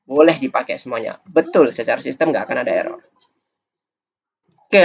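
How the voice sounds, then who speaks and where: Patient male coding teacher, dull audio. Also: on the high side. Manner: patient, step-by-step explaining. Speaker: programming teacher. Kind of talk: screencast coding lesson.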